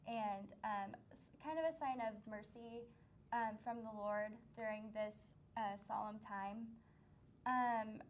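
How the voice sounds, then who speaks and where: A young woman with a slightly high voice, talking loosely on a student talk show, full of ums and quick laughs. A faint low rumble runs under her voice. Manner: hesitant, many ums, laughs easily. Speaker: student producer and co-host. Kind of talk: casual interview chat.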